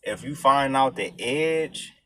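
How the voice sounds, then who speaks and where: A man talks at a slow, unhurried pace in a mid-range voice. He rambles casually in street slang, stopping and starting as he goes, like a vlogger thinking out loud. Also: mid-range voice.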